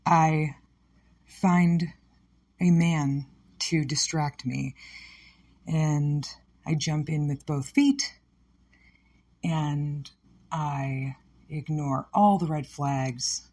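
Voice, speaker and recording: A woman's voice: low-pitched, steady tone, drawn-out words, pauses often, a little mellow. A woman hosting a personal podcast, talking frankly and reflectively about her own life and questioning herself. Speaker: podcast host. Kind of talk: candid personal podcast monologue.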